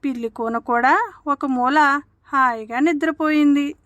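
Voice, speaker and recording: A woman telling a children's story to a child as a storytelling aunt, in a gentle, sing-song way. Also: high-pitched, unhurried, dry recording.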